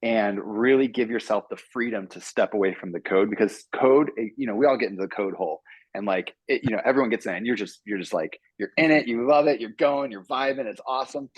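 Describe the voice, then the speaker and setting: A man, a software engineer, giving earnest advice to students on a panel and acting out his own thoughts as he goes. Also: fairly low pitch, brisk, slightly rough, dry recording. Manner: earnest, animated, acts out his own inner voice.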